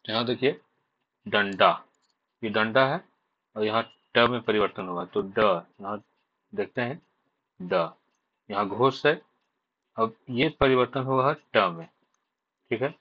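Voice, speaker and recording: A man teaching an exam revision lesson, slowly listing letters one by one. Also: lowish voice. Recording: dull lo-fi sound.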